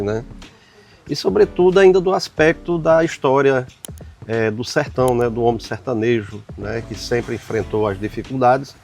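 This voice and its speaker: An older man from the Paraíba backlands, an author answering interview questions reflectively, often pausing on "né". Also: mid-range voice, a little mellow. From Paraíba sertão, Brazil. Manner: reflective, frequent "né" tags and pauses.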